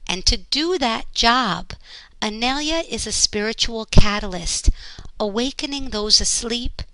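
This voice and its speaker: A woman's voice: mid-range voice, sharp tone, no echo, rough recording. A woman hosting an interview, reading a scripted introduction and then asking questions in an upbeat, enthusiastic way. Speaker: host.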